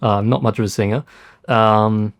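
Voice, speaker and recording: Laid-back man, low voice. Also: normal speed, dry recording, studio quality. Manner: relaxed, lots of fillers, self-deprecating. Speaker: music producer. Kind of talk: casual production tutorial.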